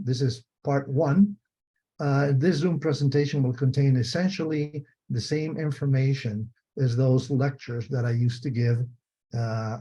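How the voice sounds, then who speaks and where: The dull, muffled video call carries the medium-pitched, mellow and slightly rough voice of an older man from Spain. A retired biomechanics professor with a Spanish accent, he lectures explanatorily, methodically restating and rephrasing the main points.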